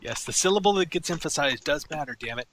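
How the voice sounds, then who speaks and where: A man's voice: a little high, animated, quick pace, a bit bright, a little hiss or hum. A man running a tabletop game over voice chat, easygoing and hesitant, with lots of fillers and laughter. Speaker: game master.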